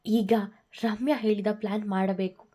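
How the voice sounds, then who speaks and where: A woman voicing a scheming older woman who quietly plots against the couple. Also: medium pitch, fairly even intonation, measured pace, lightly acted.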